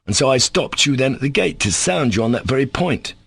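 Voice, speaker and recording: A man's voice: medium pitch, expressive, a little fast, vocal fry, a bit bright, slightly rough, no room sound, pitched above the performer's own voice, full character voice. A man reading an audiobook, voicing a sickly, resentful male servant who talks coolly and sarcastically. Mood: insolent. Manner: cool, defiant, sarcastic.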